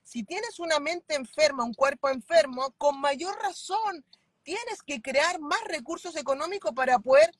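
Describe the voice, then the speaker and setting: A mentoring client in her thirties, speaking Chilean Spanish, talks fervently and emphatically from inside a car on a video call. Her high voice is animated yet unhurried. The recording is dry, made on a phone held at arm's length.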